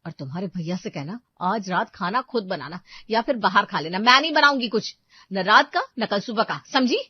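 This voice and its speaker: A woman doing a shouting, scolding housewife. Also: mid-range voice, animated, normal speed, husky, no room sound. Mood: scornful. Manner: harsh, shouting, sarcastic. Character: angry scolding young housewife. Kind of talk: cartoon storybook voice acting. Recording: dull lo-fi voice track.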